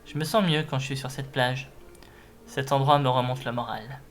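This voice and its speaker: A man's voice: medium pitch, fairly even intonation, moderate pace, a little hiss or hum, close to an everyday voice. Earnest, wide-eyed little creature for a game, performed by a man; friendly and caring. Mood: wonder. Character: friendly, concerned young Pokémon who loves the beach.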